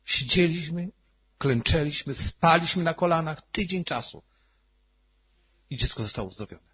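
A male pastor telling a personal testimony in a sermon, emotional, swinging between hushed and loud. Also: on the high side, animated, moderate pace, breathy edge, dull audio.

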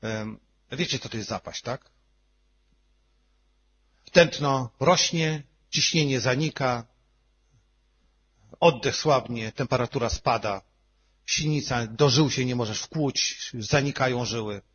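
A male pastor telling a personal testimony in a sermon, emotional, swinging between hushed and loud. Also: mid-range voice, takes it slowly, long pauses, slightly rough, muffled recording.

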